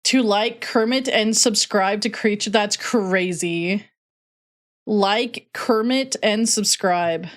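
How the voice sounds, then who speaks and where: A woman's voice: mid-range voice, takes it slowly. A woman livestreaming games, chatting casually with chat in a playful gamer-girl way full of slang. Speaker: streamer and host.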